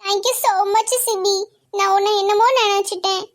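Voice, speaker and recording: A sweet cartoon schoolgirl pleads softly and whines. Her voice is very high and light. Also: flat delivery, unhurried. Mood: tearful. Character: tearful teenage schoolgirl, sweet and grateful.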